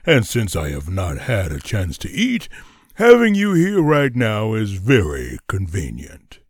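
A man's voice: huge pitch swings, dry recording, studio quality, heavily acted. A man voicing a big hungry male lion who speaks in a grand, regal way. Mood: menacing. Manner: deep, slow, grand and regal.

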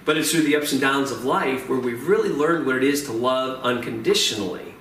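Man in his forties, pastor's sermon, halting and repetitive, roomy church hall, distant mic. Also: mid-range voice, lively intonation, fairly bright tone, a little hiss or hum. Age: 40s. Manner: hesitant, repeats words and fills with uh.

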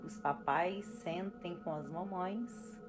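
A Brazilian woman calmly leading a guided breathing and relaxation exercise with unhurried pauses, as an instructor. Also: lowish voice. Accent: Brazilian Portuguese. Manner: slow, calm, instructing with pauses. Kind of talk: guided relaxation for expectant parents. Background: music.

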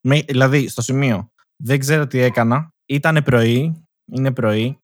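A man's voice: medium pitch, dry recording. A young man co-hosting a casual podcast, teasing his partner with dry jokes. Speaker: podcast co-host. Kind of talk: casual chat.

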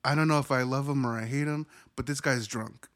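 A man's voice: mid-range voice, steady tone, brisk, a bit bright. Male podcast host, thirties, casual movie recap, profane and rambling, keeps correcting himself.

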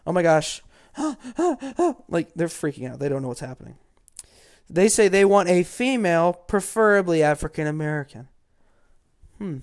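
This Georgian political commentator has a fairly high, smooth voice and a moderate pace broken by long pauses. His rant is casual, sarcastic and mocking, drifting into mutters before erupting loudly again.

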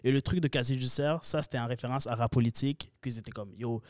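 A man who grew up in Africa, talking fast and animated as a podcast guest, with many fillers. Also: mid-range voice, no echo, studio quality. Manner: rapid, animated, filler-heavy talk. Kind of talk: casual podcast chat.

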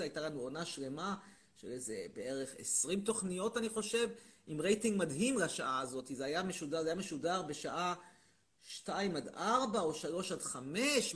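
A man's voice: on the high side, a bit bright. A man hosting a live stream, needling his caller and ranting in mocking, repetitive bursts. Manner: mocking, needling, repeats himself in rising rants. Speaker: host of a live stream taking callers and questions. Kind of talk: provocative live-stream monologue.

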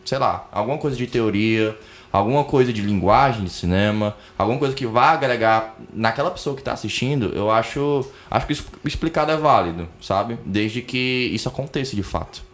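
A man hosting a podcast, speaking in a measured way and often checking in with "né". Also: mid-range voice. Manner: measured, hedging with "né". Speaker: podcast host. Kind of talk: podcast chat.

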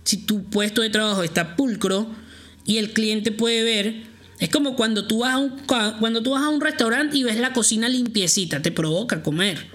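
A man's voice: high-pitched, normal speed, a bit bright. Male podcast host, self-assured coach, talks straight to the listener in a direct instructional monologue. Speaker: podcast host giving repair-shop advice.

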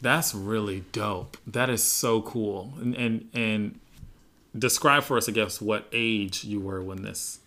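A man hosting an interview, asking thoughtful, affirming questions in a relaxed conversational way. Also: fairly low pitch, slow. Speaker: podcast host.

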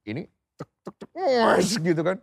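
A young man chats as a guest on a casual podcast, spinning a dramatic story with sound effects. His pitch leaps around constantly and sits a little high. The recording is close and dry. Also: sing-song, a little slow, dry recording.

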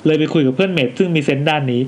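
Guy rattling through listener ghost stories on a podcast, a bit high, faint hiss behind. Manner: animated, quick reactions, jokey asides while reading. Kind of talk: casual chat, reading listener letters aloud.

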